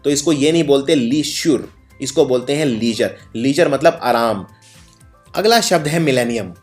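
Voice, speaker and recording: A man teaching English spelling in Hindi, explaining word meanings and spelling each word out letter by letter. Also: on the high side. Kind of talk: explaining lesson.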